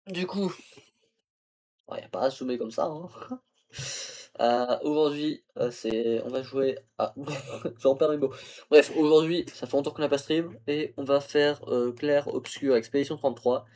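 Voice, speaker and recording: A man's voice: medium pitch, steady tone, unhurried, pauses often, mellow. A tired young man streaming a game, rambling casually to his viewers with lots of fillers. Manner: rambling, tired, self-talk with fillers and laughs. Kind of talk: casual gaming livestream chat. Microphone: phone used as camera.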